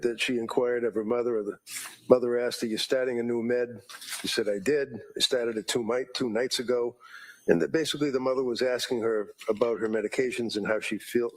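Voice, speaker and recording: A man working as a defense attorney, cross-examining a witness in a courtroom recording, halting and repeating his words as he leads the questions. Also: mid-range voice, rough recording.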